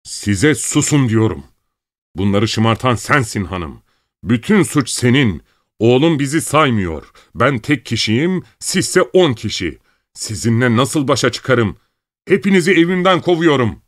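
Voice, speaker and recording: A man voicing a furious, bullying middle-aged father who shouts at his family. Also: medium pitch, sing-song, a little slow, dry recording, studio quality, pitched above the performer's own voice. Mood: raging. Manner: shouting, raging.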